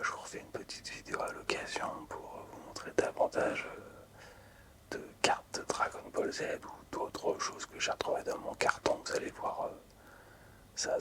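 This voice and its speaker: A man's hushed, steady whisper guides viewers through his collectible cards in an ASMR video. The delivery is slow and somewhat hesitant, built from short phrases with pauses in between.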